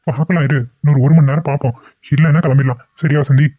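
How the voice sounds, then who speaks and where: A man's voice: a little high, steady tone, rapid-fire, dry recording, phone-quality sound, natural voice. A man voicing a worried, impatient middle-aged father who scolds his wife, in a cartoon. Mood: worried, scolding. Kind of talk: cartoon voice acting.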